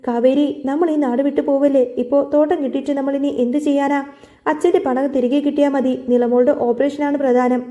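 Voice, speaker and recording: A worried young sister pleads gently, read out by a woman retelling a serial. Her voice is high and mellow. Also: flat delivery, quick pace, dull audio, lightly acted. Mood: pleading.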